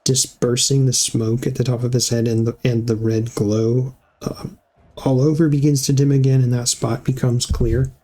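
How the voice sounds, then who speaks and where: A man narrating combat as game master of a tabletop game, halting with many fillers and restarts. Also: medium pitch, flat delivery, mellow.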